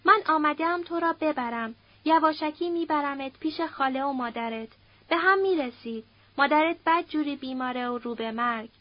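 A woman's voice: high voice, lightly acted. A woman reading a curt, urgent young man. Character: young determined Zoroastrian man on a rescue. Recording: dull lo-fi recording.

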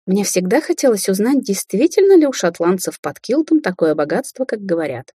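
A woman's voice: mid-range voice, sing-song, brisk, mellow, husky, no room sound, studio quality, voice pushed up. A woman reading an audiobook, voicing a grumbling, defensive mother who is a middle-aged sorceress.

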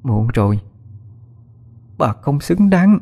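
A man's voice: mid-range voice, expressive, warm tone, natural voice. A man voicing a wronged young daughter who speaks coldly and accusingly to her mother. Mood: bitter. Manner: cold, accusing, slow and clipped. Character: bitter wronged young daughter, cold and resentful.

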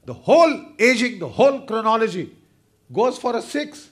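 Older male lecturer, north Indian accent, high-pitched, combative, emphatic delivery mixing English and Hindi. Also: sing-song, moderate pace. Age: older, over 60. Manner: combative, emphatic, rhetorical questions to the audience. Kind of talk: impassioned public lecture, switching between English and Hindi.

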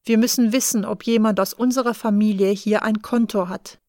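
A woman reading the lines of a remorseful middle-aged uncle in an audiobook, calm and plain. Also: mid-range voice, fairly quick, dry recording, clean studio sound, natural voice.

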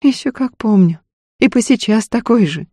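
A reader voicing a weary, sharp-tongued frontier wife in an audiobook, scolding and worried. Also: mid-range voice, no echo, clean studio sound, voice pushed up, lightly acted. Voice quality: scolding, quick to anger. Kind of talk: audiobook character voice.

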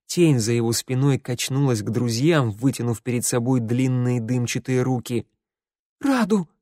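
A man reading a dark fantasy audiobook in a measured, dramatic narration. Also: medium pitch, fairly even intonation, dry recording, studio quality. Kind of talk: scripted narration.

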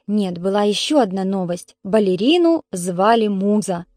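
A woman narrating a children's story as an audiobook in an expressive reading. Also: medium pitch, moderate pace, dry recording, clean studio sound.

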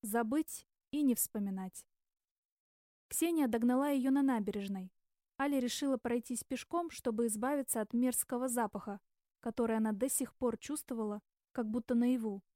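Female audiobook narrator, slightly high voice, dry close sound. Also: fairly quick, dark tone, no echo. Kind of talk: scripted narration.

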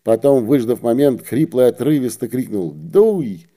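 Man, audiobook narration, literary story, warm dark voice, average pitch. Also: moderate pace. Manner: lively storytelling with voiced characters.

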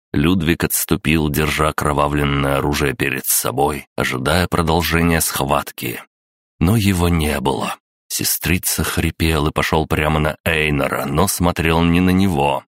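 A man narrating an audiobook in a measured, dramatic manner. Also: rumbling low, steady tone, dry recording, studio quality. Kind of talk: scripted narration.

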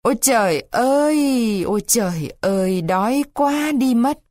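Woman doing a squeaky little wooden boy, cheeky and eager, storybook voice, dry. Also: expressive, a little slow, darkish tone, no echo. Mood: hungry.

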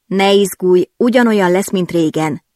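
A woman's voice: lowish voice, darkish tone, no room sound, close to an everyday voice. A woman reading the lines of a confident young male race driver, breezy and upbeat.

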